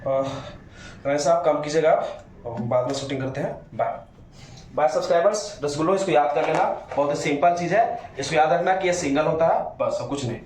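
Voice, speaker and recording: A man's voice: on the high side, a little fast, a little mellow, slight background noise. A male teacher giving a grammar lesson, stretching vowel sounds out to demonstrate them and coaxing his students with questions. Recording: very echoey room.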